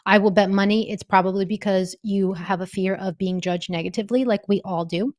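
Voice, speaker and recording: A woman born in Costa Rica and raised in New Jersey answers interview questions as a guest professor who teaches confidence on camera. Her mid-range, slightly mellow voice has fairly even intonation and a fairly quick pace, and she explains things in an earnest, emphatic, teacherly way. The recording sounds dry, with no echo.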